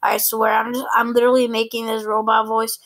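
A man's voice: high voice, completely flat delivery, fairly quick, a bit bright. A man making a robot voice with his own voice while chatting casually with his viewers. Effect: robot voice made with his own voice. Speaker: vlogger.

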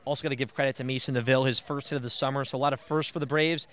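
A man's voice: mid-range voice, steady tone, very fast, a bit bright. Young male sports analyst rattling off stats. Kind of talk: postgame recap. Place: outdoors on a baseball field. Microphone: handheld mic.

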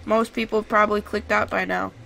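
A young man giving rambling, excitable gameplay commentary to his viewers from home. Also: high voice, fairly quick, vocal fry. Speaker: gaming YouTuber. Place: home room. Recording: noisy home mic with keyboard clicks. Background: keyboard typing and clicks.

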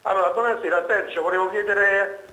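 A man phones in to a live talk show, and his voice comes through an echoey phone line. He sounds high and sharp-toned. He is halting yet insistent and talks over the host. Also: steady tone. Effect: heard over the phone. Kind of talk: phoned-in question.

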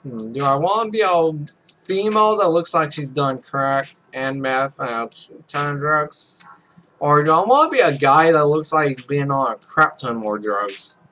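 In a small room at home, a man in his twenties hosts a let's play, casually commentating a game and reading its text aloud between rambling, offhand asides. His voice is fairly high, a little slow, and sharp in tone, and the home recording is noisy.

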